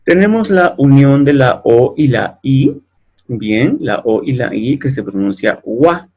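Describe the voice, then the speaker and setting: In a muffled recording, a man with a medium-pitched, expressive, slightly mellow and breathy voice explains French pronunciation to Spanish speakers. He is patient and repetitive, saying words slowly and checking in with learners by ending sentences with "¿no?" and "¿bien?".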